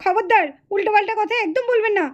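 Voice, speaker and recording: A woman's voice: very high voice, fast talker, dull audio. A woman voicing a hot-tempered young village aunt in a puppet cartoon, scolding and quarrelsome.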